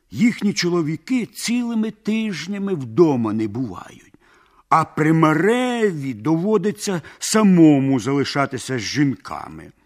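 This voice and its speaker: A man's voice: on the high side, exaggerated voice. Man reading as a sly peasant trickster.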